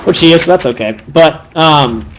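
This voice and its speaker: A young man giving fast, opinionated solo commentary on a video game match, critiquing the players' item choices. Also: on the high side, animated, poor audio. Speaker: game caster.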